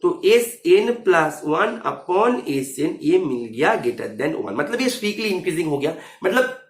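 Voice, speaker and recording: Male math teacher walking students through an exam answer, mixing English terms into Hindi, high lively delivery, echoey room. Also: a little slow. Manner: checks understanding often. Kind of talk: explaining exam solution.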